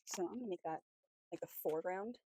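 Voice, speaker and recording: A woman vlogging at home while drawing, chatting casually in a rambling, friendly way with lots of fillers, her voice slightly hoarse. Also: on the low side, quick pace, background noise. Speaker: art vlogger.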